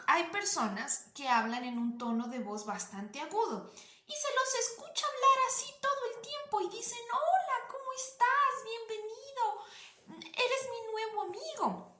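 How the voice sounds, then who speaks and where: A woman with a slightly nasal, high voice teaching a drama class, explaining and asking the listener questions. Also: bright, forceful tone, roomy sound. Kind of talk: online voice lesson.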